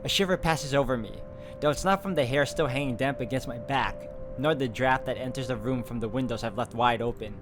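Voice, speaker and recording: A man reading a visual novel aloud as dramatic, brooding first-person narration, phrasing it deliberately. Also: mid-range voice. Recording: background guitar music over the voice.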